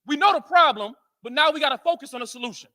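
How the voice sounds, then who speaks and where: A man's voice: extremely high pitch, lively intonation, fast, sharp tone, full character voice. A man voicing a blunt male friend who pushes him toward solutions. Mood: pushing.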